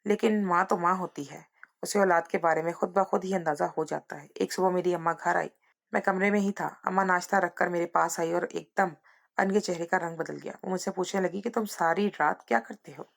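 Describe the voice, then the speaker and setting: A woman narrating a scripted first-person story at a slow, measured pace. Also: fairly low pitch, steady tone, creaky.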